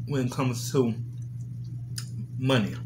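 A man's voice: medium pitch, noisy background. A man, hosting an eating show and chatting casually with viewers while chewing his food. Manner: slow, relaxed Southern slang.

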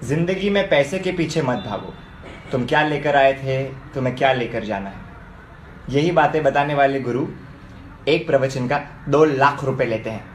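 A man's voice: medium pitch, lively intonation, normal speed. A man giving a mock-philosophical comic monologue. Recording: roomy sound with faint noise.

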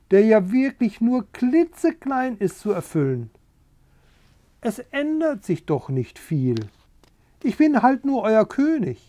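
A man's voice: a little high, dark tone, no echo, heavily acted. A man voicing a boastful, eager young rooster in a storybook reading, talking in a pushy, wheedling way.

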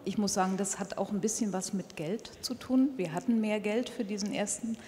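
A woman in her sixties, a TV editor on a panel, explaining in a measured way into a handheld mic on a convention stage. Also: mid-range voice, mellow, a little hiss or hum. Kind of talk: panel discussion. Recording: long hall reverb, faint ambience.

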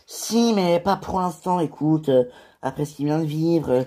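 Guy voicing a calm patient dude in a homemade toy show, soft mellow voice, lots of um's. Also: a little high, moderate pace, close to an everyday voice. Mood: reassuring. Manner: hesitant, filler-heavy delivery. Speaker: fan toy-figure series voice actor. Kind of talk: amateur home-made drama acting.

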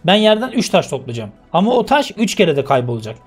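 A young man with a high voice talks loosely and directly to his viewers, like friends, winding through a long story before showing his game settings. Faint music sits under his casual gamer chat. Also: sing-song, fast talker, breathy edge. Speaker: gaming YouTuber. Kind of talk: casual let's-play chat.

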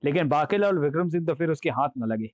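A man's voice: a little high, animated, fast talker, no room sound. A man narrating a comic audiobook with theatrical flair, stacking up dramatic words. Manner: theatrical, piling up dramatic adjectives.

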